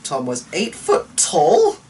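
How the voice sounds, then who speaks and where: Reading a folk tale aloud, this storyteller's slightly high, a little mellow voice swoops wildly in pitch at a slow pace. The dramatic telling is interrupted by sweary, cheeky, conversational asides, heard through a distant mic with faint background noise.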